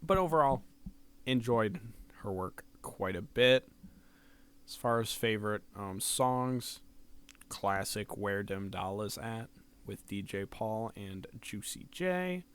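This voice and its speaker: Sleepy, slow-talking man reviewing music. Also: on the low side, expressive, clear, resonant tone. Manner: rambling, hesitant, many ums. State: sleepy, yawning late at night. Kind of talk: casual review chat. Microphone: close mic that can peak.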